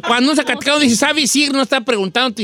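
A radio host with a western Mexican accent from the Michoacán area leads a casual chat, telling stories animatedly and acting out quoted dialogue. His voice is very high-pitched and fast, with no room sound.

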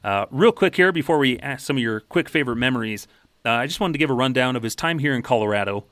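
A man hosting a sports podcast, brisk and matter-of-fact, rattling off statistics. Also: mid-range voice, animated, a bit bright, no echo, studio quality. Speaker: podcast host. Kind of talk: sports podcast, reading stats.

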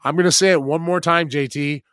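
Male American sports podcaster with a smoky, hoarse rasp; informal, emphatic football analysis, close dry sound. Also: fairly high pitch, steady tone, fairly quick, fairly bright tone, no room sound. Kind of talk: casual sports talk.

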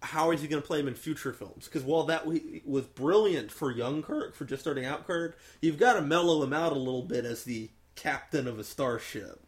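A male podcast host chats casually and enthusiastically in a movie review conversation, filling his talk with fillers and restarts. His voice is a little high and brisk, with hardly any pauses.

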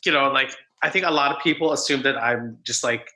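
Forties man, very bright tone, halting casual guest. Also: mid-range voice, poor audio. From Philippines. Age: 40s. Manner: halting, many restarts and fillers. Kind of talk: casual conversation.

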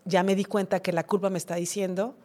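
A woman's voice: mid-range voice, little pitch movement, fast, mellow. A middle-aged woman, a podcast guest, talking reflectively in a conversational interview and acting out her own inner dialogues.

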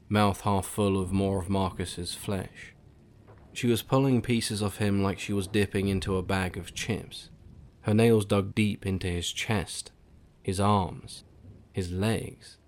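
A man narrating a first-person horror story in a grim, hushed storytelling manner. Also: low voice. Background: music.

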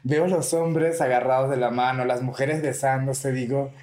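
A man with a Venezuelan accent, a podcast guest telling his story in a casual interview, animated and playful with slang. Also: mid-range voice, normal speed. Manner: animated, acts out quoted lines with playful slang. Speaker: podcast guest, drag artist. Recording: roomy echoey room.

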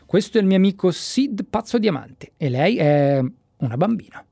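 Narrator playing a calm, reassuring storybook doctor, lively tone, mellow voice. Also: medium pitch, normal speed, vocal fry, no echo, faint music behind, voice pushed up. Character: kindly eccentric male doctor, former professor.

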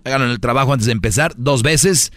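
A man's voice: medium pitch, quick pace, dry recording, clean studio sound. A man hosting a radio advice show, preachy and joking in a boastful way. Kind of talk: comic advice talk with callers.

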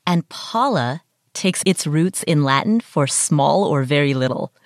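Lively podcast host woman, dry close sound. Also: low-pitched, measured pace, no echo. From Nepal. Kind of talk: podcast interview.

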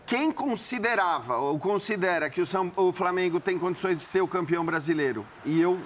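A man giving measured football analysis in long qualified sentences. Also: high-pitched, slight background noise. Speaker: football pundit. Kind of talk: studio football debate.

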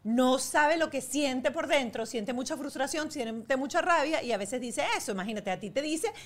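A woman's voice: sits high, normal speed. A woman hosting a parenting interview show, asking thoughtful follow-up questions in a casual tone. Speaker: host.

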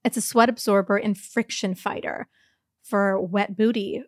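A woman co-hosting a comedy podcast in casual chat, making wry, deadpan remarks. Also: mid-range voice, measured pace, no echo, clean studio sound. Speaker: podcast co-host.

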